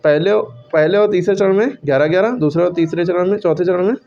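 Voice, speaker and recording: A man's voice: high voice, quick pace, a little mellow, muffled recording, faint music behind. Man teaching, counting syllables aloud. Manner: counts syllables aloud, checks and corrects himself. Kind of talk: classroom lesson on Hindi verse meter.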